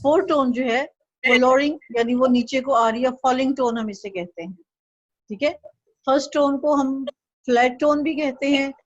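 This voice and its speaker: A woman's voice: high-pitched, normal speed, no room sound, lo-fi sound. A woman teaching an online Chinese lesson, patiently drilling syllables and tones for the student to repeat.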